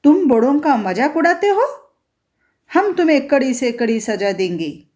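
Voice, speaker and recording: A woman's voice: a little high, sing-song, measured pace, mellow. A woman teacher voicing a stern female night queen who judges and scolds children in a storybook reading. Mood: angry. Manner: scolding, commanding.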